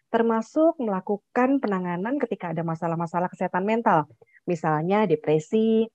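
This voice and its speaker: A woman's voice: medium pitch, no room sound. A woman heading a psychologists' association, opening a webinar in a chatty, friendly way, peppered with "ya", over a video call. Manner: warm, chatty, with tag "ya" and "nih". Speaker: head of a clinical psychologists' association. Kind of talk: formal webinar opening speech. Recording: muffled dry video-call audio.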